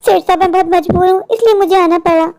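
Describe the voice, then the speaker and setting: A woman's voice: very high voice, fast talker, a little mellow. A woman voicing a poor young woman in a cartoon, a worried older sister who pleads in a worn-down, sorrowful way. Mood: pleading. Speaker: cartoon character. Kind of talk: Hindi cartoon voice acting.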